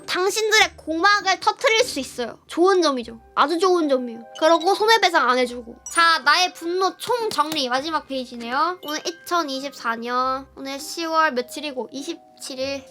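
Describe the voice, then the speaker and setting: A young woman streaming live, reading a workbook aloud and answering it with sarcastic, irritable remarks and sudden loud yells. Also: very high voice.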